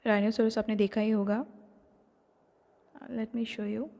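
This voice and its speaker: A woman with an Indian accent teaching an online class. She reads English textbook lines slowly, then explains them in Hindi with many fillers. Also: medium pitch, flat delivery, dark tone. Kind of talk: recorded lesson explaining a textbook. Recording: long hall reverb.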